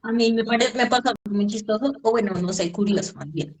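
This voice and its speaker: A woman's voice: on the high side, brisk, darkish tone. Chatty woman rambling with fillers. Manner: chatty, rambling, many fillers like 'como que'. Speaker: reader and guest. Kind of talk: casual conversation.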